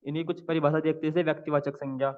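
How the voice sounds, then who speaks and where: A man's voice: on the high side, little pitch movement, very fast. A man teaching a Hindi exam practice lesson. He asks questions and answers them himself, repeating each answer several times. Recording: tinny phone-like audio.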